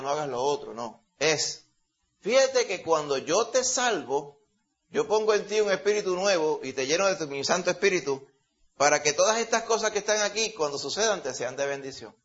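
A man's voice: fairly high pitch, fairly bright tone. A man preaching a Bible-teaching sermon in a conversational way, often calling listeners brother. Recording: dull lo-fi sound.

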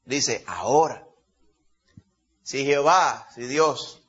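A man's voice: medium pitch, lively intonation, takes it slowly, fairly bright tone, breathy edge. A man preaching a Bible teaching sermon in a conversational, folksy way, often checking in with his listeners. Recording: dull lo-fi recording.

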